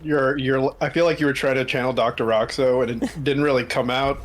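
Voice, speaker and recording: A man's voice: medium pitch, steady tone, fairly quick. Man, gaming co-host, dry teasing, casual chat, noisy recording.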